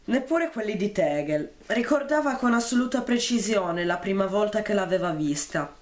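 A man reading a novel chapter aloud and then discussing it, with frequent "eh" fillers and throat-clearing. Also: high-pitched, animated, normal speed. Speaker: book reader and commentator.

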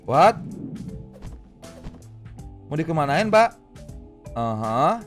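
A young man does casual gameplay commentary. He is playful and slangy, with exclamations and repeated words, and game music plays clearly behind him. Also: a little high, sing-song, drawn-out words. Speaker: gamer, video host.

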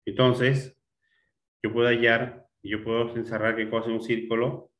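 A male teacher giving a classroom grammar lesson, explaining step by step, repeating words and often checking with a quick question. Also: medium pitch, flat delivery, fairly bright tone, muffled recording.

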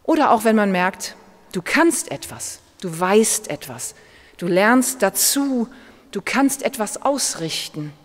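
A German-accented woman pastor delivers a sermon at an unhurried, deliberate pace. Her voice sits at a middling pitch and carries a long church reverb around it. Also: sing-song. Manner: slow, measured preaching with gentle emphasis.

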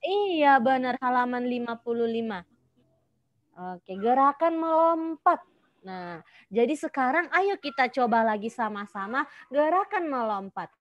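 A woman with a high voice leads a children's exercise class over a video call. She coaches like a gym instructor, giving short, encouraging commands and counting out each movement. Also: lively intonation, normal speed, muffled recording. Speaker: physical education teacher of young children, coaching like a gym coach.

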